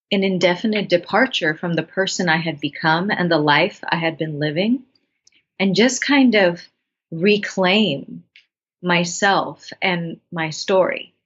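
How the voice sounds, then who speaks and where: On a dull, lo-fi recording, a husky, lowish-voiced woman in her thirties from Bangladesh talks as an interview guest, a writer and actress. She reflects earnestly and thoughtfully, often restarting what she says.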